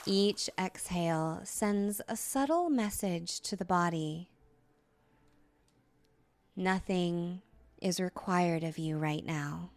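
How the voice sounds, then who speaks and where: Gentle and calming, a lowish-voiced woman leads a guided relaxation and hypnosis session as its host and hypnotist. She speaks slowly and soothingly, never rushing, and lets long pauses settle between her words.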